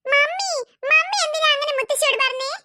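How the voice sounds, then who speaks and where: A polite little cartoon girl, voiced by a woman, pleading in a childlike way. The voice is very high and bright, recorded close and dry. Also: brisk, dry recording, heavily acted. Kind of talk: cartoon voice acting.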